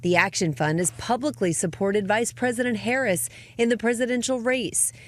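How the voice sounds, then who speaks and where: A woman delivering a news report in a measured, formal manner. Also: on the high side, no echo.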